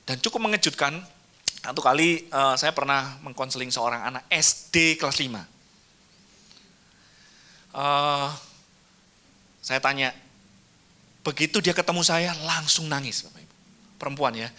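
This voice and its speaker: Bright-voiced Indonesian pastor preaching a sermon. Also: male voice, fairly high pitch, animated, moderate pace, pauses often. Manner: earnest, acts out short dialogues. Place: church.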